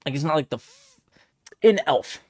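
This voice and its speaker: A man's voice: fairly high pitch, lively intonation, normal speed, no echo, clean studio sound. A man ranting to his viewers in a casual comedic vlog, exasperated and profane, rambling with frequent restarts. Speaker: vlogger. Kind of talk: casual comedic rant to camera.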